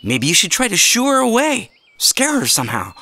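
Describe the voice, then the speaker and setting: A woman voicing a calm, cautious woodland sprite in a children's cartoon, in a measured, advising manner. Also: mid-range voice, heavily acted. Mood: cautioning.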